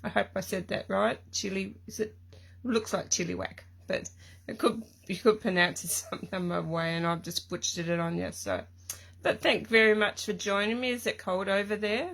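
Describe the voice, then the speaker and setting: A middle-aged Tasmanian woman with a croaky voice hosts a live craft stream from her craft room, chatting casually and rambling with plenty of ums. Her pitch is medium, her speed normal, and her tone a bit bright.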